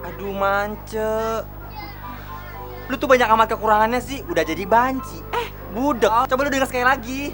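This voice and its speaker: An actor playing a sassy, flirty, effeminate crossdressing auntie with a Jakarta accent, campy and mocking in a TV comedy drama. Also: male voice, sits high, fairly bright tone, faint music behind. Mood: teasing. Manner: campy, mocking, drawn-out exclamations. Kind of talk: broad comedic TV soap acting.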